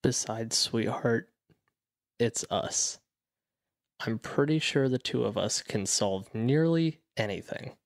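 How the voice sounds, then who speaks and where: A tender, reassuring partner. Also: male voice, medium pitch, expressive, slow pace, creaky, no room sound, studio quality. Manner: gentle, reassuring, playful. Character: Logic, a devoted, witty musician partner. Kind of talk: audio drama acting.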